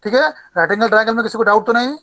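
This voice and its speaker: A male math teacher running a class, mixing Hindi and English, calling on students by name and slowly repeating each formula for them to memorize. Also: sits high, pushed and bright, rough recording.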